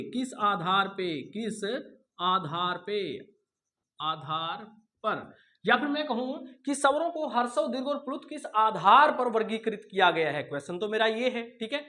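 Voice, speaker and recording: A man's voice: extremely high pitch, pushed and bright. Male Hindi tutor for exam prep, repetitive, rhetorical question-and-answer teaching, familiar with students. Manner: repeats key words, asks and answers his own questions; addresses students familiarly as son and brother. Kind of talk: exam-prep grammar lesson.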